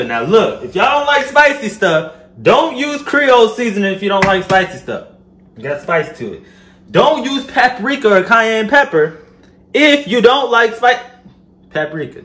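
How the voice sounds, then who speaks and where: A Louisiana man in his twenties with a Southern US accent hosts a home cooking vlog, talking to viewers in casual slang with playful, sassy, animated energy, his voice sitting high. He's in a home kitchen with the camera a step or two away, and the recording is echoey with some background noise.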